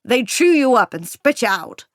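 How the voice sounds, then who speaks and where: A woman voicing a gruff, bossy male newspaper editor in an audiobook, speaking bluntly and emphatically in a cozy mystery narrator's performance. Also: fairly high pitch, sing-song, normal speed, dry recording, clean studio sound. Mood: firm, dismissive. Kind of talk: audiobook character dialogue.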